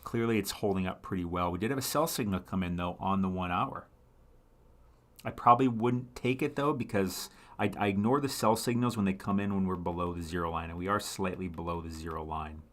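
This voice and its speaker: A man hosts a casual livestream, analysing charts while thinking aloud and rambling with frequent self-corrections mid-sentence. His voice is low, fairly bright and a little fast, and he reads viewer comments and answers them.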